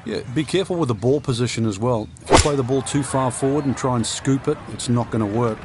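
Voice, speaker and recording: A man's voice: mid-range voice, fast. A man giving conversational golf commentary as an analyst, with informal, explanatory asides. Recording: noisy outdoor ambience with crowd. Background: outdoor noise and crowd.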